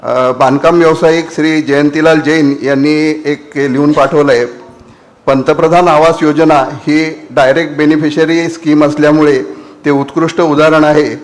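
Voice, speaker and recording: A man's voice: fairly high pitch, little pitch movement, moderate pace. A man with a Marathi accent acting as compere, formally thanking and introducing speakers at a political meeting. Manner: formal, announcing each next speaker. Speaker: event compere.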